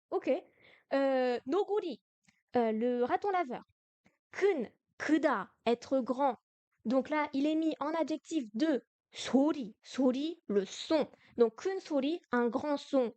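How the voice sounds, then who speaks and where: A woman teaching a beginner Korean lesson in French on a live stream, explaining slowly, repeating words and correcting herself. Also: high-pitched, mellow, no echo, highs cut off.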